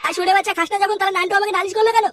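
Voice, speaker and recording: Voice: very high voice, steady tone, racing. A performer voicing a strict, hot-tempered father who scolds and questions his son. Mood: stern. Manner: scolding, interrogating. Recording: loud background music.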